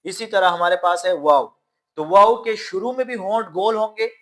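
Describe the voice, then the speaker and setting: A man teaching Quran pronunciation, stretching out each letter sound and then calmly explaining how to make it. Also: high voice. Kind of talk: slow letter-by-letter pronunciation lesson.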